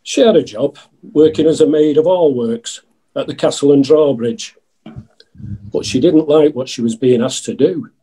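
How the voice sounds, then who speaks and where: A man playing an earnest, genial out-of-work outlaw in a pantomime sketch, with a husky voice. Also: fairly high pitch, moderate pace, dark tone, low-quality recording. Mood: matter-of-fact.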